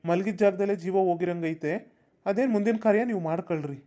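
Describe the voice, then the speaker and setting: A man's voice: sits high, fast, dark tone, natural voice. A man voicing a matter-of-fact village doctor, firm and reassuring. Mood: calm. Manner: reassuring, firm, repeats "okay?".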